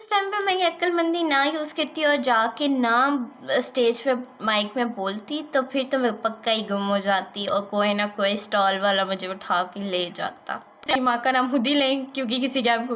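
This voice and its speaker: A woman telling a childhood story in an animated, chatty vlog style, dropping in English words. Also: high-pitched, slight background noise. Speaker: vlogger.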